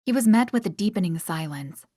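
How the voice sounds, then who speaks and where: A woman narrating a thriller audiobook in a measured, steady way. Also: on the low side, no room sound, clean studio sound. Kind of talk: scripted narration.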